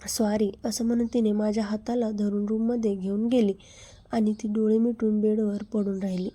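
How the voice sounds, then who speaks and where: A woman narrating a story in an even, measured reading voice. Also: mid-range voice.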